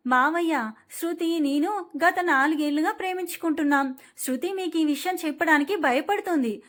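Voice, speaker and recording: A woman voicing a hot-headed, jealous young man who shouts and accuses. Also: high voice, normal speed. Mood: insistent.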